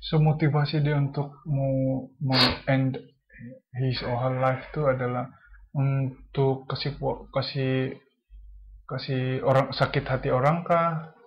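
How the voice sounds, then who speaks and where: Male host, calm and brief prompts, monotone, muffled lo-fi mic. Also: mid-range voice, slow. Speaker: podcast host. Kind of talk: casual podcast chat. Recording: dull lo-fi mic.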